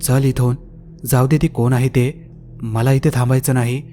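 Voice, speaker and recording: A man's voice: medium pitch, level tone, normal speed, warm tone, soft background music, lightly acted. A man voicing a frightened young man who pleads in a shaky, urgent, raised voice. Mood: scared.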